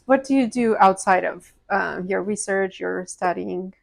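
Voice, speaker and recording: A woman's voice: mid-range voice, a little slow, vocal fry. A woman hosts a casual podcast interview, asking encouraging questions of a friend. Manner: warm, encouraging interviewer, nervous at start. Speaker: podcast host.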